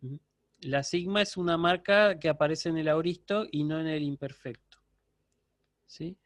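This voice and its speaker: A man's voice: fairly high pitch, normal speed, no echo, clean studio sound. A man giving a university lecture online, explaining step by step and checking in with his students. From Argentina.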